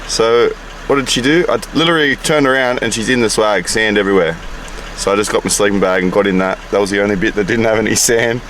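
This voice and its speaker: Aussie outdoors vlogger, low voice, easy laughing yarn-spinner, faint background hum. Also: male voice, fairly bright tone. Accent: Australian. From Australia. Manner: laughing storyteller, swears freely. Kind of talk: casual chat. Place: outdoors at a campsite.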